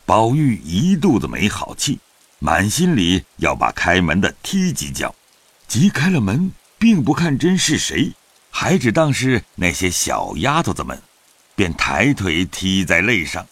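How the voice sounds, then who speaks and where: A man narrating a classic novel in an audio drama, in an expressive storytelling manner. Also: sits low, a little slow, husky, dry recording.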